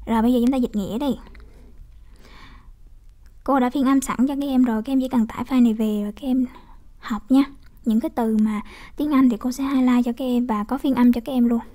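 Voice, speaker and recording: Mellow Vietnamese woman teaching English. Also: on the high side, steady tone, fairly quick, long pauses. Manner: explanatory, with frequent tag questions. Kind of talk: exam walkthrough lesson.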